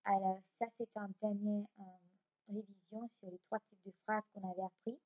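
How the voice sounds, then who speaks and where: Patient Mauritian French schoolteacher. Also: female voice, medium pitch, little pitch movement, narrow, tinny audio. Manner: slow, patient explaining with frequent checks for understanding. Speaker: primary school teacher. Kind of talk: recorded remote lesson. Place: home.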